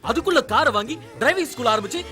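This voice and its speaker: A man's voice: very high voice, rapid-fire, soft background music, full character voice. An actor dubbing a joking young man who turns sarcastic and angry at a driver. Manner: sarcastic, lively. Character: joking, quick-tempered young male friend. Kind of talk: dubbed film dialogue.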